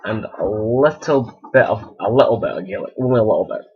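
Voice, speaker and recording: A man's voice: on the low side, expressive, a little fast. A young man from Scotland with a Scottish accent, casually answering viewer questions in a rambling, self-correcting way. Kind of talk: casual chat. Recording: dull lo-fi home recording.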